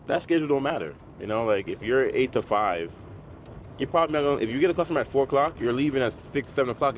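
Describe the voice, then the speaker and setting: A man talking casually as a car salesman giving advice in a vlog, in a conversational way that repeats points for emphasis. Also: on the low side. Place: outdoors at a car dealership. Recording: noisy outdoor lot, vehicle and dryer noise. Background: loud dryer and passing cars.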